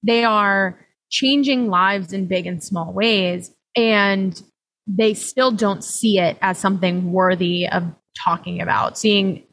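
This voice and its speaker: A woman's voice: medium pitch, steady tone, slow, fairly bright tone, rough recording. Candid young woman podcast guest. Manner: reflective, candid, many "like" fillers. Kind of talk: casual conversational interview.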